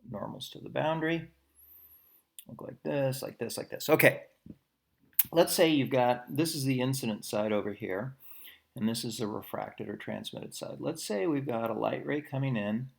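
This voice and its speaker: Gravelly male physics teacher. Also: medium pitch. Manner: conversational, punctuates with frequent "okay" and quick self-corrections. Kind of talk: recorded physics lecture while drawing diagrams.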